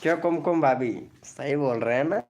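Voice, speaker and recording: A man's voice: on the high side, moderate pace, darkish tone, slight background noise. A man hosting a casual live stream, chatting playfully with viewers and teasing them by name as he promotes their channels.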